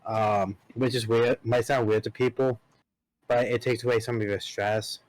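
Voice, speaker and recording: Man telling a lively story, dry sound. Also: medium pitch, moderate pace, no echo. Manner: animated, acts out both sides of conversations; swears casually. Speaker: podcast host. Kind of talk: casual storytelling.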